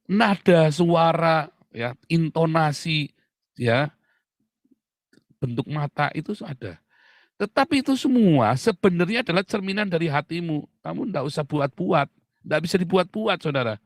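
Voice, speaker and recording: A man preaching a sermon in a chatty, lively way, laughing often and calling listeners "saudara". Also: on the high side, unhurried, dry recording, clean studio sound.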